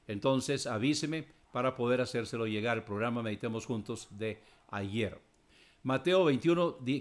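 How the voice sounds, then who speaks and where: A man answering listeners' Bible questions, reading scripture verses aloud and explaining them in a measured way. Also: medium pitch.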